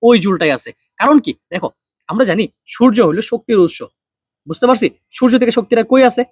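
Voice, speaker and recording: Fast-talking young male physics tutor. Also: high voice, expressive, slightly rough, no echo, clean studio sound. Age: young adult. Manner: quick, drills students with repeated questions and answers. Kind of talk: online physics lesson.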